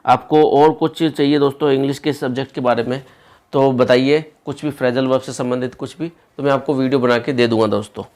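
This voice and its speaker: A man's voice: medium pitch, steady tone, brisk, darkish tone. A man teaching and explaining an exam paper step by step, repeating words and checking in with his listeners often. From India.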